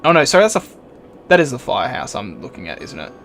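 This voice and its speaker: A man's voice: medium pitch, fast, creaky, noisy background. A man hosting a gaming video, talking through his moves in a casual let's play commentary while he plays. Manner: relaxed, thinking aloud while building. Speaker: gaming channel host.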